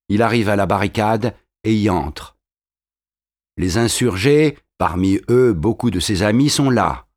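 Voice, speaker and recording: A man narrating a classic novel in a slow, measured storytelling manner. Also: mid-range voice.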